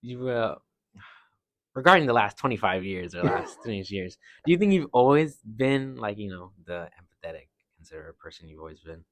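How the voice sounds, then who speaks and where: A man's voice: fairly low pitch, very animated, fairly quick, a bit bright, no echo. Young man, hesitant casual interviewer. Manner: hesitant, chatty, lots of fillers. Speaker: host, interviewer.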